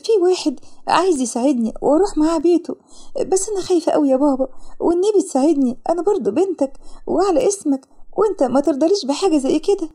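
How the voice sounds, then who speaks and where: A woman's voice: sits high, animated, very fast, dark tone, pitched above the performer's own voice. Woman doing a pleading, frightened Egyptian girl. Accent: Egyptian Arabic. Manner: pleading, tearful, breathless. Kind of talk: storybook narration with voices.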